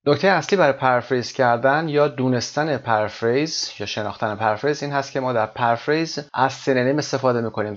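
Male teacher, average pitch, walks through exam answers, reads English phrases slowly, dull lo-fi sound. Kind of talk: explaining reading exercises. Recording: dull lo-fi recording.

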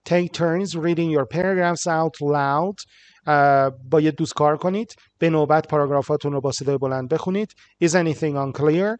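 A man with a Persian accent teaching an English writing lesson. He reads each English line slowly and clearly, then translates it quickly with small fillers. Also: a little high, a little mellow.

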